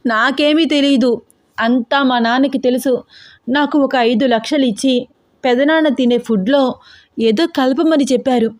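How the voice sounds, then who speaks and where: A woman reading a storybook aloud and voicing a panicked young man who cries and begs in a high, wailing voice. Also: unhurried, dry recording, studio quality. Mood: terrified pleading. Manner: wailing, pleading, high-pitched.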